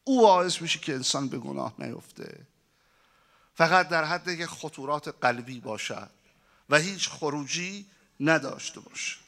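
A man's voice: on the high side, creaky. A male preacher giving a sermon, telling stories and acting out their dialogue. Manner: animated storyteller who acts out dialogue. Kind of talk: sermon with storytelling.

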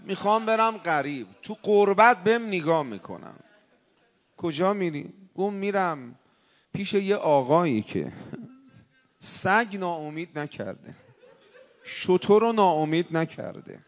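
A man's voice: sits high, very animated. A man preaching an emotional sermon, telling a story and pleading in prayer. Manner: impassioned, swings from loud storytelling to hushed pleading.

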